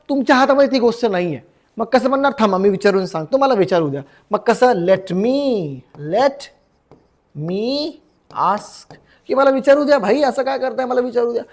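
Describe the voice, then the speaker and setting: Chatty man teaching English phrases in Marathi. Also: extremely high pitch. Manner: chatty, repeats each phrase, drawn-out English words.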